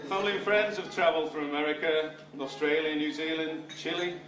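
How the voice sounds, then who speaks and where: Speaking a little fast, a British man who is middle-aged or older has a fairly high pitch and a fairly bright tone as he delivers a father of the bride speech with wry, dry humour. The roomy sound comes from a distant microphone, with clear background noise from the room and laughing guests.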